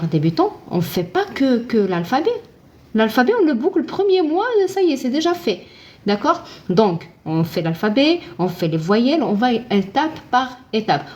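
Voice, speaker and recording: A woman's voice: medium pitch, darkish tone. A woman teaching Arabic in a casual live-stream, chatting with viewers and answering her own questions.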